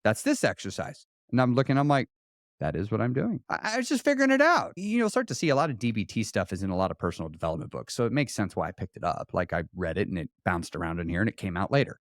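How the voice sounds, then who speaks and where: Male guest, coaching background; lively swooping delivery, dry close sound, replays conversations in character. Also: lowish voice, fast, no echo. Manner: animated, acts out quoted dialogue, frequent restarts. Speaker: weight loss coach, podcast guest. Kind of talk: conversational interview storytelling.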